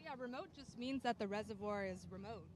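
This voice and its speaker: A woman's voice: medium pitch, a little fast, very noisy. A woman engineer and navigator explaining shock parts casually, laughing, partly with food in her mouth. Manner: casual, laughs, talks while eating, explains plainly. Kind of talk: casual interview answers.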